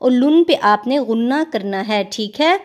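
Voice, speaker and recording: High-voiced woman teaching recitation. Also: lively intonation. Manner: patient, explains step by step, repeats "theek hai"; slows and stretches words when demonstrating sounds. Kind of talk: explaining recitation rules in a lesson.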